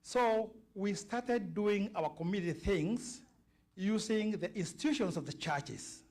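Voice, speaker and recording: His voice sits high and sounds a little mellow. He is a Kenyan community speaker, middle-aged or older and Kenyan-accented, giving a casual, hesitant public address while checking in on the audience.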